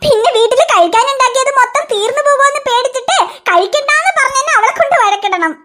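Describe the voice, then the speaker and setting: A woman's voice: very high-pitched, expressive, fast, very noisy. A woman doing a chatty, gossipy cartoon mom. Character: chatty neighbor mother, talkative and fussy. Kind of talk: cartoon voice acting.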